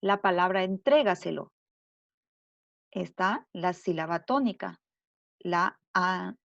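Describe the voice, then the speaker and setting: A woman teacher giving a recorded grammar lesson, explaining slowly and deliberately and repeating her examples. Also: on the low side, creaky, no echo. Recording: dull lo-fi dry recording.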